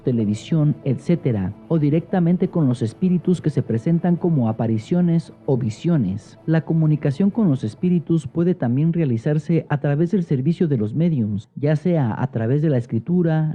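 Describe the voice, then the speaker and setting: A man with a fairly high voice reads scripted educational narration in a steady, formal manner. The audio sounds dull and muffled, with soft music playing underneath. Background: faint background music.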